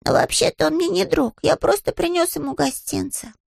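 Paddington, a squeaky little bear. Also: male voice, normal speed, vocal fry, dry recording, studio quality, heavily acted. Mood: earnest. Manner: squeaky, innocent, earnest. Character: small polite young male bear, earnest and naive.

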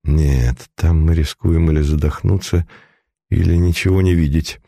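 A man voicing a shrewd middle-aged male detective who gives brisk, decisive, grumbling orders in a storybook reading. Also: sits low, lively intonation, dark tone, no room sound, studio quality, full character voice.

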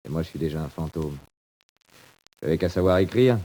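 Doomed proud prisoner, low-ish voice, theatrical 1940s radio acting. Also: male voice, animated, a little fast, dark tone. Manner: theatrical, swinging from bitter murmurs to cries. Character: condemned male prisoner, proud and despairing.

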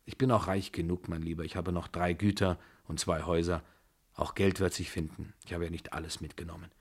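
A man voicing a weary, imperious old grandmother who speaks slowly and heavily. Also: low voice, level tone, slightly rough, voice pushed down. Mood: tired, imperious.

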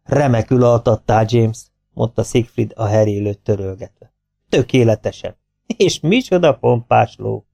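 A man voicing an excitable, commanding male veterinarian who barks impatient orders. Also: medium pitch, creaky. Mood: pleased.

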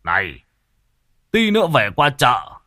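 A man's voice: mid-range voice, wildly swooping pitch, unhurried, pushed and bright, dry recording, clean studio sound, pitched above the performer's own voice, heavily acted. A man voicing an elderly village elder, giving clipped, bossy orders. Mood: commanding.

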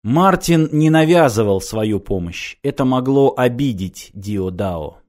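A man reading a science fiction audiobook in a steady, measured narration. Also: mid-range voice. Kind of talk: scripted narration.

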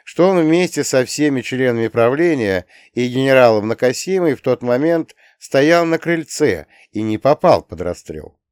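A man's voice: medium pitch, lively intonation, moderate pace, darkish tone, clear, resonant tone, dry recording, studio quality, close to an everyday voice. A man voicing a resolute young adult son who speaks decisively and bluntly in an audiobook. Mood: grim. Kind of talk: audiobook character voice.

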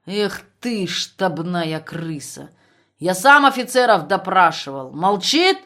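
A woman voicing a drunk, boastful male army officer who talks loudly and blusters. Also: medium pitch, animated, slow pace. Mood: drunk, aggressive. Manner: loud, blustering, slurred bragging.

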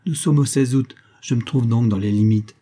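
A man's voice: medium pitch, moderate pace, warm tone, close to an everyday voice. A man reading an audiobook, voicing a cynical young social climber who speaks coolly and dismissively. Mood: cold. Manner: cool, dismissive. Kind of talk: audiobook character voice.

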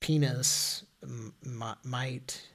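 Slow, stammering man in comic chat. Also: medium pitch, steady tone, a bit bright. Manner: halting, stammering, restarts a lot, laughs easily. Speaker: co-host. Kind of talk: casual comedic banter.

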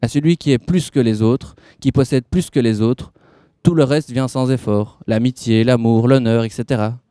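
A man reading a novel aloud and voicing a cold, smooth-talking man in grey who speaks in a pushy, persuasive way. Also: medium pitch, normal speed, mellow, dry recording, studio quality, close to an everyday voice. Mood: lecturing. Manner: persuasive, pushy, icy under a sweet tone.

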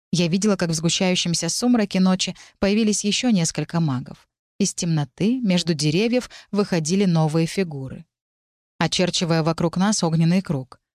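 A woman reading a first-person fantasy story aloud, dramatic and tense, with sharp shouted lines for the characters. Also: on the low side, no room sound, clean studio sound. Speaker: audiobook narrator.

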